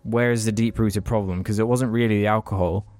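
A man's voice: on the low side, fairly even intonation, a little fast, a little mellow, soft background music. A young man, telling a long story in casual podcast chat and swearing freely. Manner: rambling storytelling, heavy swearing. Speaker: podcast co-host.

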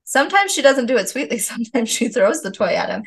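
A woman's voice: a little high, sing-song, fast talker, vocal fry, a bit bright, husky. A woman in her thirties hosting a parenting show, reflective and affirming as she chats and paraphrases back what she hears. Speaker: parenting podcast host and mother. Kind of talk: casual conversational interview.

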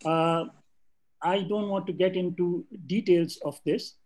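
An older man with a Pakistani accent gives an off-the-cuff panel talk, making emphatic points with hesitant pauses. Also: sits high, steady tone, darkish tone. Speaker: civil service academic and guest speaker. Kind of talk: extempore panel talk on video call, mixing English and Urdu.

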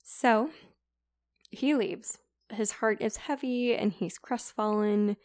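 A woman's voice: on the high side, fairly even intonation, slow pace, darkish tone. A woman podcast co-host casually retelling a classic story in a chatty, filler-heavy way.

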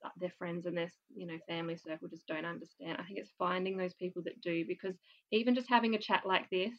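A woman's voice: on the low side, fairly even intonation, fast talker, highs cut off. A woman, a podcast co-host chatting casually and laughing easily. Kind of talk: casual chat.

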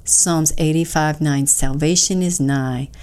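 A woman's voice: sits low, fairly even intonation, measured pace, darkish tone. A woman co-hosting a recovery devotional, earnestly explaining scripture and leading prayer in a fervent, heartfelt way. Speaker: co-host of a recovery devotional show.

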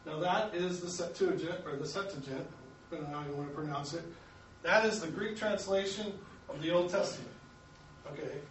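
A high-pitched, somewhat bright American voice explains a Bible lesson step by step to an adult Sunday school class in a church classroom. He corrects himself and chuckles at his own slip-ups. The room echoes, the mic is far off, and a little hiss or hum can be heard.

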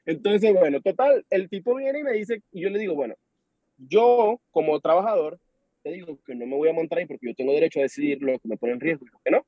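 A young Venezuelan man with a Venezuelan accent, chatting as a podcast guest and telling an animated story while acting out the dialogue. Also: a little high, fast, no room sound. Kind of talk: casual chat. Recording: dull lo-fi sound.

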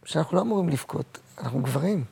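A man in his sixties, a guest actor and comedian, telling personal stories in a halting, emotional way with many repeats. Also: fairly high pitch, animated, gravelly, darkish tone, slightly rough. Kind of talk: personal interview storytelling.

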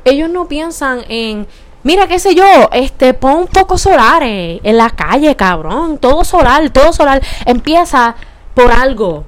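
A woman's voice: high-pitched, animated, slow pace. Fired-up Puerto Rican woman ranting. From Puerto Rico. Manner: profane, fired-up, mixes in English words. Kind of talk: casual ranting monologue.

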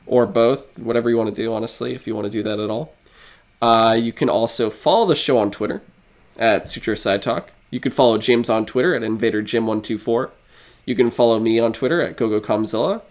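A young man co-hosting a podcast, rambling through a casual outro with many fillers and restarts. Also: on the low side. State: dry throat. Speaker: podcast co-host.

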